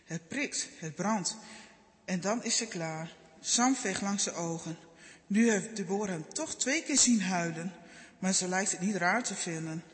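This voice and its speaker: A man reads a children's Bible story in a gentle, measured way. His voice sits high and light, and a long reverb hangs on each sentence. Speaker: narrator.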